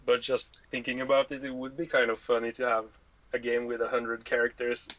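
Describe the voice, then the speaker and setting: Laughing developer, mid voice. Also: male voice, medium pitch, monotone, fairly quick, a crowd in the background. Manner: laughs while talking, hesitant. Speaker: game developer.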